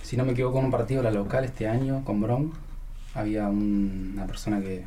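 A young man with an Argentine accent, a football player giving hesitant, soft-spoken answers in a radio interview. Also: fairly low pitch, steady tone, brisk, slight background noise. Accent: Argentine Spanish.

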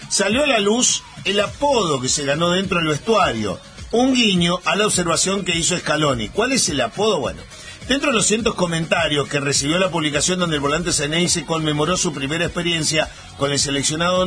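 Argentine man, radio sports host, bright raised voice, halting chatty delivery over a faint music bed. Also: a little high. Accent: Argentine Spanish. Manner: conversational, halting with fillers.

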